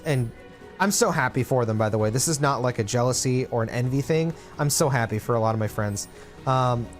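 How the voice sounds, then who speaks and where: A man in his late twenties talking casually to his livestream chat, reflective and rambling with many fillers and restarts. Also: a little high. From Philippines. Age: 20s. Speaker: streamer.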